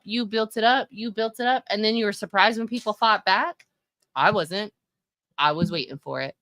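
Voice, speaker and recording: In a dry recording, a mid-range, slightly bright female voice belongs to a thirtysomething Texan streamer. She critiques wrestling fashion live, opinionated and talkative, often catching and fixing her own words.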